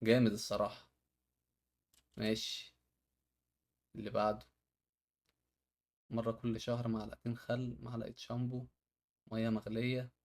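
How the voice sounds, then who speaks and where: A man's voice: medium pitch, flat delivery, normal speed, pauses often, a little mellow. A man from Egypt with an Egyptian accent, reacting to home-hack videos in casual commentary and often exclaiming at the tricks. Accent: Egyptian Arabic.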